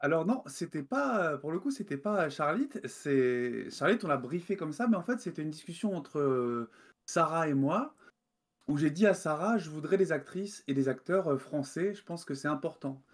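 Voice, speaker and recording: A man's voice: fairly high pitch, animated, normal speed. A man from France, a game developer guest, talking casually in an interview over a video call, hesitant with many fillers and restarts.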